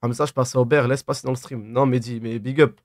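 A man's voice: mid-range voice, fairly even intonation, fast, dry recording, studio quality. A man in his twenties with a lisp on his s sounds, chatting casually and teasingly as he reads and answers livestream comments in slangy banter. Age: 20s. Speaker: live streamer. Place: small dim room at a desk.

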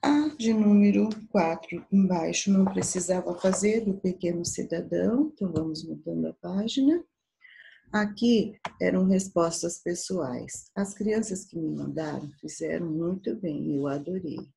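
A Brazilian woman teaching young children, stretching each syllable as she goes. Her voice sits low and mellow, with a gravelly, husky edge. She talks slowly and patiently. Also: poor audio. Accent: Brazilian Portuguese. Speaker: primary school teacher. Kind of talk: slow, patient remote class lesson.

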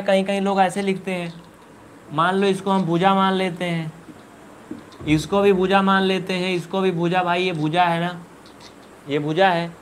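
High-voiced scolding maths teacher. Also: male voice, slight background noise. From India. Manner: scolding, repeats questions to students. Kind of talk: live online maths class.

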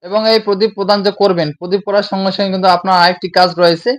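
A man giving devotional instruction, explaining each step and repeating himself, and often reciting a chant. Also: high-pitched. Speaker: devotional teacher. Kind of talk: religious instruction.

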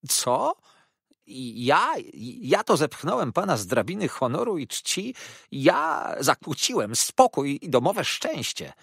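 A man voicing an oily, scheming young male clerk who fawns and threatens in a shrill, drawn-out whine. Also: sing-song, fairly bright tone, no room sound, studio quality, exaggerated voice. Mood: indignant. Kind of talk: audiobook character voice.

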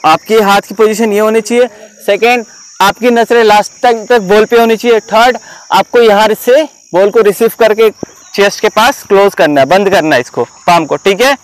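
A man with a fairly high voice coaches students outdoors on how to take catches. He explains each step patiently and keeps checking that they have understood. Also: moderate pace, rough recording. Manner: instructive, repeatedly checks understanding. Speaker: cricket coach.

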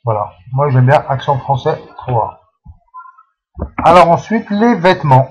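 A man's voice: fairly high pitch, animated, measured pace, rough recording. A man casually talking through a game tutorial, hesitant and full of fillers and restarts. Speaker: channel host explaining a game.

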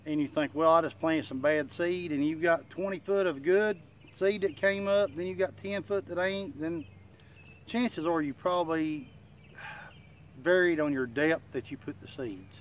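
A man with a rather high voice speaks in a drawl, a little muffled by chewing tobacco in his lip. He gives folksy, plain-spoken advice as a channel host. Faint outdoor nature noise sits behind him. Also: unhurried. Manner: plain-spoken, self-deprecating country talk. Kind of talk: casual, folksy advice talk to camera. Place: outdoors in a wooded yard. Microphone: camera a few feet away.

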